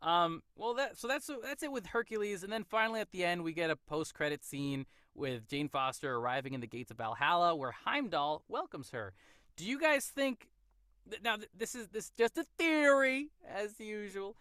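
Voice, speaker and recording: Male podcast host; bright, forceful tone, lively casual review banter. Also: high voice, moderate pace, clear, resonant tone, dry recording, clean studio sound. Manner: animated, theorizing, laughs often. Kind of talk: casual movie review chat.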